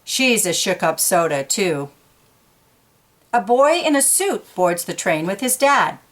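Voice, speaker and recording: Reading a picture book to children, a woman mixes the story with offhand remarks explaining the pictures between read lines. She talks slowly, with a medium, somewhat bright voice and big swings in pitch.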